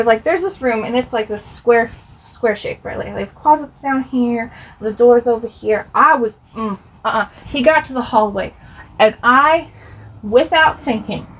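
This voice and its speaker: A woman's voice: fairly high pitch, fairly bright tone, breathy edge. Chatty young woman telling a dramatic story. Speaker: beauty vlogger. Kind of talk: get-ready-with-me storytime. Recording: slightly dull, faint noise.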